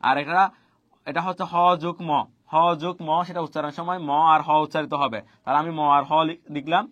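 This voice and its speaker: Fast-talking man teaching a lesson. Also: fairly high pitch, steady tone, a bit bright, dry recording, highs cut off. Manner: repeats points and quizzes students, urging them to hurry. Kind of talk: fast spoken online lesson on pronunciation rules.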